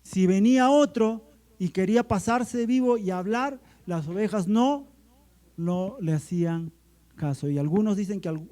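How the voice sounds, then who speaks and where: Middle-aged male pastor, sermon delivery, warm and somewhat high, emphatic stretched phrasing. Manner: preaching with surging emphasis and slowed, stretched phrases. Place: church service.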